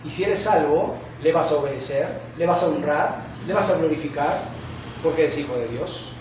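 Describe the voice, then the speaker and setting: A male pastor with a Mexican Spanish accent preaching a sermon, asking rhetorical questions and acting out shouts. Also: a little high, normal speed, background noise. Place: church sanctuary. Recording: echoey church hall from far off.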